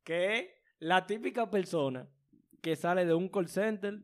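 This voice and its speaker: A man's voice: high voice, unhurried. A man with a Dominican accent in a casual chat with friends, telling stories animatedly with slang. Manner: animated storytelling, uses slang. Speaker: panelist.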